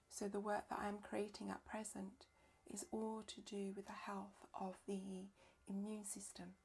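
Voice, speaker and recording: A woman leading a live-streamed yoga nidra session as teacher and therapist, speaking softly and slowly, often dropping into a whisper. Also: mid-range voice, gravelly, slightly rough. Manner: soft, slow, often whispered delivery. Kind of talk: live-streamed guided relaxation instruction.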